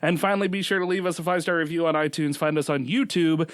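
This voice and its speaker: Teasing young podcast co-host, higher voice. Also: male voice, steady tone, fast, smooth, no room sound, clean studio sound. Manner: teasing, laughs often. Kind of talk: casual banter and show outro. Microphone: close dynamic studio mic.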